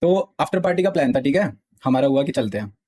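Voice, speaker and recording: A man's voice: mid-range voice, expressive, fast, warm tone. A young man, a gaming streamer, explaining a dispute insistently to his live-stream chat. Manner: insistent, repeats "theek hai" often.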